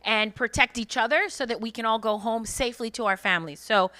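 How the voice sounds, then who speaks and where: Woman emcee, bright and forceful tone, dry close sound, reads a bio, adds casual asides. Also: fairly high pitch, brisk, no echo. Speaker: emcee introducing a speaker. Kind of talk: reading a bio aloud, then casual announcements. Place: event room with a live audience.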